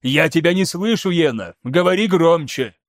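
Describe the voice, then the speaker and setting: An animated, theatrical scholar who presses his point with insistent flair, read by a man. The voice sits a little high and sounds close and dry, as in an audiobook reading. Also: moderate pace, no echo. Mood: lecturing excitedly. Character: excitable theatrical male scholar, lecturing.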